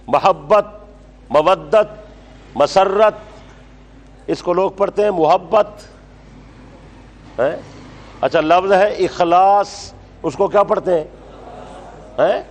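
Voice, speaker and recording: Man teaching, slow dictation. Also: on the high side, darkish tone, a little hiss or hum. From Pakistan. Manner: dictates slowly, repeating each phrase for note-taking; scolds and quizzes students brusquely. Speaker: religious teacher. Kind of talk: classroom lecture with dictation. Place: lecture hall with students.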